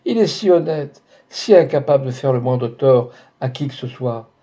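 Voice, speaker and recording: A man's voice: medium pitch, animated, normal speed, mellow, dull audio, natural voice. A man reading aloud, voicing an anxious, lovesick young woman in a breathless, pleading way.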